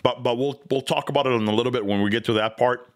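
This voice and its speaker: A man's voice: medium pitch, fast talker. Rambling male podcast co-host. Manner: rambling, many fillers and restarts. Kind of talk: casual review chat.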